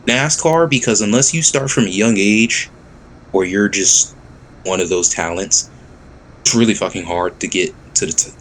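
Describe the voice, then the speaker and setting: A young man co-hosting a casual chat, excitable and quick to laugh, swearing freely and slipping into mock voices. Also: fairly low pitch, slight background noise. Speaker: podcast co-host.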